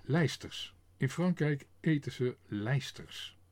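A man's voice: medium pitch, expressive, slow pace, a little mellow. A man voicing a timid male gardener in a storybook reading, hesitant and stammering over his words.

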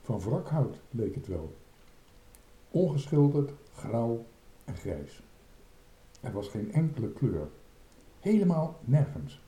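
A man reading a children's book aloud in an expressive, dramatic way. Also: mid-range voice, slow pace, long pauses, echoey room. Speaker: storyteller.

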